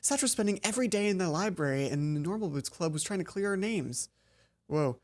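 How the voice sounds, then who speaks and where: With an expressive, mid-range voice and a fairly quick pace, a let's player works through visual novel text, stumbling, repeating lines, and adding casual remarks. Soft music from the game plays underneath.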